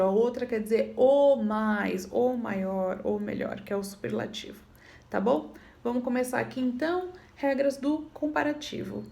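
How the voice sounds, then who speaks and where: A woman's voice: high-pitched, creaky, a little mellow. A woman teaching an English grammar lesson, patiently explaining rules and checking in with her students. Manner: patient, repeats points, checks in with "tá bom?".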